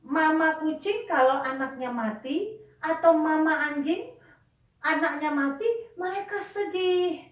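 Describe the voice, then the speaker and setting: A woman teaching a Sunday school lesson to children, gentle and coaxing, asking them questions and sighing with sympathy. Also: high-pitched, unhurried. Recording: echoey room with faint music.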